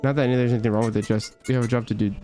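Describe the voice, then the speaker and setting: A man on a desk mic chats his way through a story game, reading lines aloud and trading jokes with his viewers. His voice sits at an ordinary middle pitch, loose and offhand with the odd curse. Faint game music plays underneath. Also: fairly even intonation, very fast, mellow. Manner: chatty, swears offhandedly, banters with chat. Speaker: gaming streamer. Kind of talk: casual let's-play commentary, reading game dialogue aloud.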